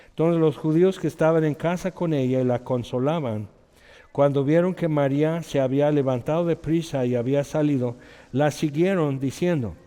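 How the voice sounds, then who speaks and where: Pastor in an echoing hall. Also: male voice, fairly high pitch, warm tone, clean tone. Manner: conversational, reads scripture aloud and acts out quotes. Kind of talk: sermon. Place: church hall. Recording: long echoing reverb of a hall.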